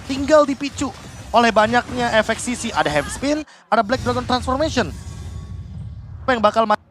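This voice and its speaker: Male analyst caster, Indonesian accent, high-pitched, explanatory match commentary with music behind. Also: lively intonation, fairly quick, a bit bright.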